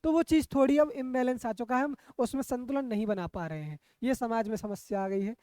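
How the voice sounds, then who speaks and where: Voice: medium pitch, fairly quick, mellow, clear, resonant tone, no echo. A coaching teacher giving an exam-prep lecture, often asking the class rhetorical questions, checking that they follow and repeating key terms.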